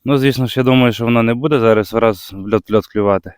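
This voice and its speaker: A man from Ukraine with a Bukovina accent, chatting casually as he fishes on the ice outdoors, breaking into excited exclamations when a fish bites. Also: medium pitch, fast talker, clear, resonant tone, dry recording, studio quality. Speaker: fishing vlogger. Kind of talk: casual commentary while ice fishing. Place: outdoors on a frozen lake.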